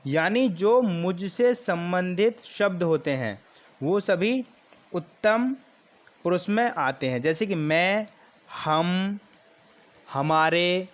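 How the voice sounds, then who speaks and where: A man teaching a grammar lesson for exam preparation, explaining slowly and repeating key terms. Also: sits high, highs cut off.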